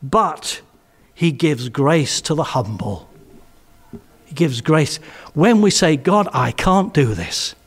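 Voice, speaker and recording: An older man with an English accent delivers a sermon in a church hall. His voice sits a little high, and he speaks earnestly and with emphasis, often sinking to soft, intimate phrases. He is picked up by a headset mic. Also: lively intonation, takes it slowly, pauses often, husky. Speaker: preacher.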